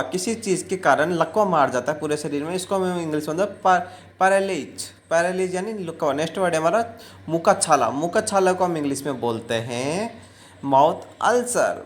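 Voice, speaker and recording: A vocabulary teacher giving a word-by-word lesson in a steady, repetitive way, slowing down to repeat each word and its meaning. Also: mid-range voice.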